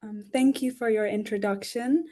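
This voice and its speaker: Young woman interviewer, mellow voice. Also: mid-range voice, steady tone, normal speed. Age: young adult. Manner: gentle, with "um" openers and short "yeah" backchannels. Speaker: student interviewer. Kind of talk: casual interview questions.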